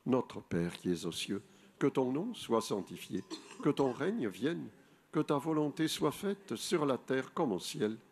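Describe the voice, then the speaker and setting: A man in his sixties, a priest, leading the rosary and a spoken meditation in slow, measured recitation at an outdoor grotto, speaking into a lectern mic. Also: mid-range voice, sing-song, a little mellow. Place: outdoor rock grotto shrine. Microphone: boom mic on a lectern.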